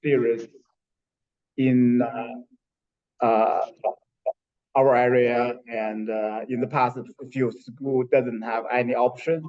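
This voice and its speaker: A man giving halting remarks at a meeting with many fillers. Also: medium pitch, flat delivery, darkish tone. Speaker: council member. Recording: dull lo-fi meeting audio.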